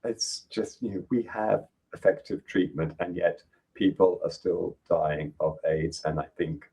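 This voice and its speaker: A man's voice: low-pitched, steady tone, measured pace, mellow, slightly rough, poor audio. A man in his late fifties speaking as a podcast guest, earnest and reflective with frequent fillers. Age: 50s. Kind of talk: interview conversation.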